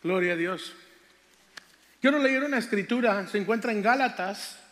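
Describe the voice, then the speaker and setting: An older man preaches, stretching out scripture with fervor before drifting into folksy childhood stories. His voice sits high for a man. The church hall around him rings with long reverb. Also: a bit bright. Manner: fervent, drawn-out scripture reading, folksy storytelling. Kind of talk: sermon testimony.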